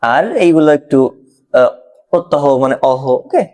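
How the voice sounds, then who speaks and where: A man's voice: a little high, normal speed, a little mellow. A man with a Bangladeshi Bengali accent teaching an exam-prep grammar lesson, explaining step by step and often checking if the learner follows.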